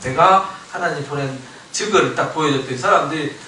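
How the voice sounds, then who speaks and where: Lively man preaching in an echoey church. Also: a little high, a little fast, a little hiss or hum. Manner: animated, acts out voices of biblical figures, asks the congregation questions. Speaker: pastor. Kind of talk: Bible lecture sermon. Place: church sanctuary. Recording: echoey church hall, mic at a distance.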